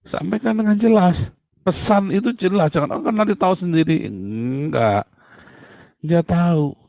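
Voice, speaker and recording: A middle-aged man preaching a sermon in a chatty, animated way with casual asides. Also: a little high, a little slow, no echo.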